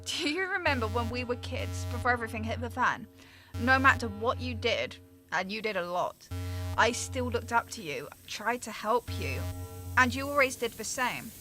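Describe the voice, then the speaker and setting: With faint music playing behind her, a woman acts as a younger-sister scientist wracked by guilt in an amateur radio drama. Her slightly high voice is animated, bright, and forceful at a normal speed, full of self-blame and urgent, anguished pleading.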